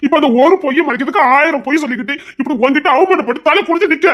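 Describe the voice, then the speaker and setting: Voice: high voice, very fast, a bit bright. A performer voicing an anxious young husband in an audio drama who keeps pleading and swearing he is innocent. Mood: defensive.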